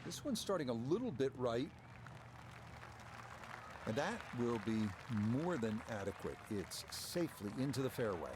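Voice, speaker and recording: A man working as lead golf commentator in a video game, calling play in a measured broadcast manner. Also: mid-range voice, sing-song, noisy background. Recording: music and crowd behind voice. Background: music, crowd.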